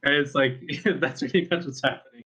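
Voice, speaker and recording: A man who plays esports professionally, talking casually in a post-match interview, full of fillers and quick laughs. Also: medium pitch, fairly bright tone, husky. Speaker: pro esports player.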